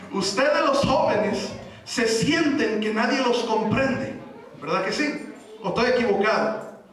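Very high-voiced preacher, echoey hall. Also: male voice. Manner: conversational preaching, asks the crowd questions, bursts into shouts. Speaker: youth preacher. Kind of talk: sermon. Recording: echoey hall, distant mic.

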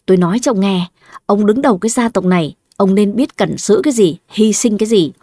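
Cutting, jealous first wife, voiced by a husky-toned woman, dry close sound. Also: mid-range voice, warm tone, dry recording, close to an everyday voice. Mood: scornful. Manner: cutting, nagging, quick retorts. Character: sharp-tongued scheming older first wife.

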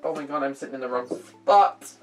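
A woman's voice: very deep voice, fairly quick, darkish tone. A young woman vlogging casually, playful, giggly and dramatic as she chats to the camera. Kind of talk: casual vlog chat.

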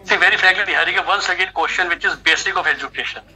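Indian guy explaining stuff on a phone video call, really bright forceful voice, kinda high, repeats his points. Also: racing, poor audio. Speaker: expert guest, education adviser. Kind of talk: explanatory interview talk. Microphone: video call on a phone speaker.

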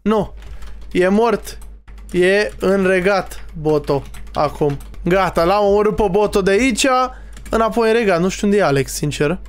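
A young man giving casual, excitable gaming commentary, teasing other players and talking to his viewers. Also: high-pitched. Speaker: streamer playing a Minecraft role-play server.

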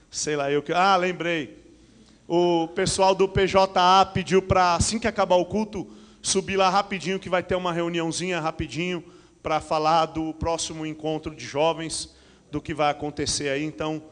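Middle-aged Brazilian pastor in a reverberant hall. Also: male voice, fairly high pitch. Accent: Brazilian Portuguese. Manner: animated preaching with frequent amens and hallelujahs, paces the stage. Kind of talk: church announcements and sermon. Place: large church hall with curtains and stage. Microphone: handheld microphone.

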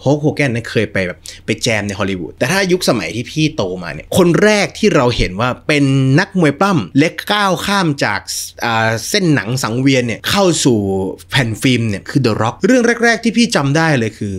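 A male host chatting casually and telling a story, with lots of excited exclamations. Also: medium pitch, fairly quick, few pauses. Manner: animated, full of exclamations.

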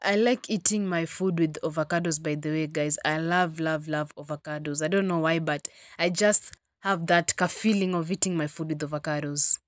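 A young Kenyan woman vlogs while cooking in her small home kitchen, chatting casually with viewers and sprinkling in Swahili words. Her voice is low with fairly even intonation at a normal speed, filmed on a phone held at arm's length, yet the sound is clean, studio-quality and free of echo.

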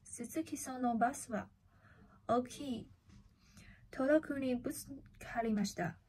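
Brief: student storyteller, woman, slow deliberate pace, fairly high voice, faint noise behind. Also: darkish tone. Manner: slow and careful, with repeats and self-corrections. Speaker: language student telling a story. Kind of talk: storytelling speaking task.

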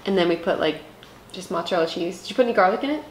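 A woman's voice: on the low side, lively intonation, racing, slight background noise. A woman co-hosting a casual eating vlog, talking in an upbeat, easygoing way. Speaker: co-host. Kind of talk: casual chat over a meal. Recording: roomy echo.

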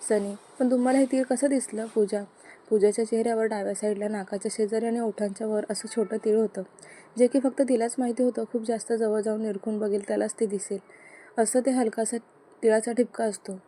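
Woman narrator, soft and intimate, very mellow tone, steady delivery. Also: fairly high pitch. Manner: soft, intimate storytelling, voices both lovers' lines. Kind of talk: storytelling narration with dialogue.

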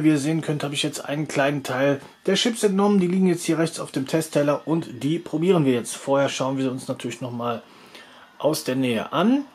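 A man's voice: fairly high pitch, husky. A man hosting a food review video, talking casually as he narrates a taste test.

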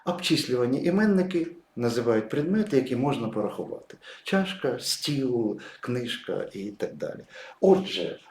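Man, English teacher, patient explaining, animated intonation, echoey room. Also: medium pitch, moderate pace, a little hiss or hum. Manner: patient, explanatory, stresses example words. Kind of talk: explaining pronunciation at a whiteboard.

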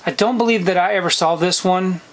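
A man's voice: sits high, brisk, a little hiss or hum, rough recording. A middle-aged man hosting a casual unboxing vlog, talking in an easygoing, rambling way with frequent ums, in a shelf-lined basement room. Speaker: video collector channel host. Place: basement room lined with disc shelves, indoors.

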